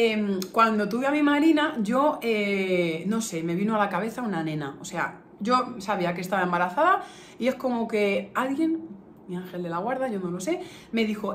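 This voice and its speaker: In her early 30s and from Albacete in La Mancha, Spain, this beauty vlogger speaks Castilian Spanish in a mid-range voice. She chats casually to camera, answering viewer questions in an affectionate, emphatic way full of repetitions. The room is echoey, with faint noise.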